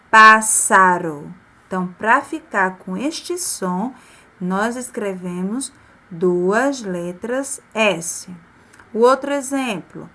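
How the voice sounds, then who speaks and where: A woman with a Brazilian Portuguese accent teaching a primary class, stretching out and repeating words slowly for children. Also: on the high side, a bit bright. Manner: slow, drawn-out spelling of words, repeating them for children. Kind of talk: recorded remote class lesson.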